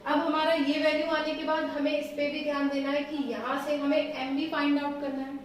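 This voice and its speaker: A woman math teacher explaining solutions step by step, patient and reassuring, slowing down as she writes. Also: sits high, little pitch movement. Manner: patient, reassuring, slows down while writing. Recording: echoey room, voice from a distance.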